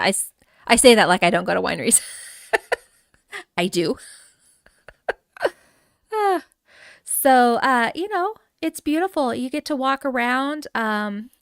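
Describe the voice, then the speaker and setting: A woman's voice: fairly high pitch, clear, resonant tone, no echo. Woman, middle-aged, live game streamer, chatty and giggly, close dry mic. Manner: chatty and giggly, reading out chat names. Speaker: livestream host touring a game island. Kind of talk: casual live gameplay chat.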